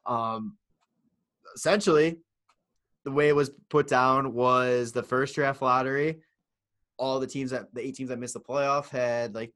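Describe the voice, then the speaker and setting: A man co-hosting a podcast, talking in a casual, excitable, rambling way and swearing freely. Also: medium pitch. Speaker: podcast co-host. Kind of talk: casual sports chat.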